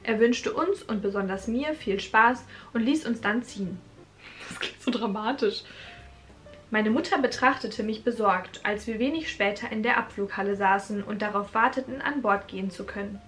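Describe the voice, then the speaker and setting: A woman's voice: mid-range voice, normal speed, fairly bright tone, faint music behind. A young woman reading her own teenage crime story aloud and breaking off for sarcastic comments on the writing. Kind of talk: reading aloud with joking asides.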